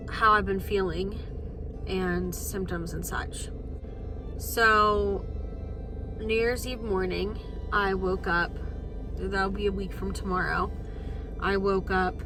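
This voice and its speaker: A woman's voice: medium pitch, low-quality recording. Congested, slightly wheezy young woman vlogging. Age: young adult. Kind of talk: personal vlog, casual confessional chat.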